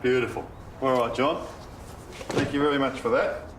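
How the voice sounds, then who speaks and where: A man interviewing people on location, eager and quick to exclaim in amazement. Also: medium pitch, steady tone, background noise. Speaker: on-screen interviewer. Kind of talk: casual on-location chat.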